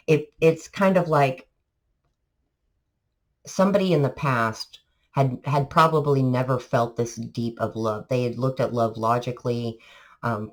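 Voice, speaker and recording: Stuffy-voiced tarot reader, relaxed chatty vlog delivery, rambling. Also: medium pitch, poor audio. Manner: chatty, rambling, many fillers. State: congested from allergies. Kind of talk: casual tarot reading for viewers.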